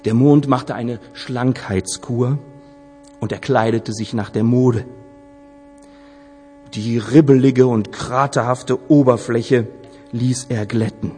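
A man telling a fable in a measured, dramatic way with pauses, recorded with long hall reverb, faint music and mains hum. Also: mid-range voice, steady tone, dark tone. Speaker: storyteller. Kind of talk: slow, expressive storytelling.

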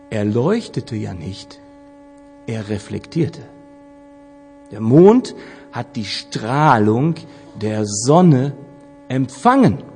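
A man telling a fable in a measured, dramatic way with pauses, recorded with long hall reverb, faint music and mains hum. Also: mid-range voice, darkish tone. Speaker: storyteller. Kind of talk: slow, expressive storytelling.

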